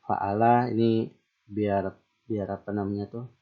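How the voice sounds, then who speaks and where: A man teaching Arabic grammar in a relaxed, chatty online lesson, asking himself questions and pausing on fillers. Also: fairly low pitch, phone-quality sound.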